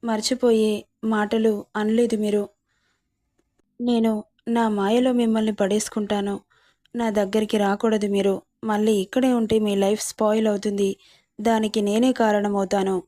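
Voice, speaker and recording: A woman voicing a shy, hurt young bride who begs softly in a storybook reading. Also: mid-range voice, little pitch movement, moderate pace, long pauses, lightly acted. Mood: hurt pleading.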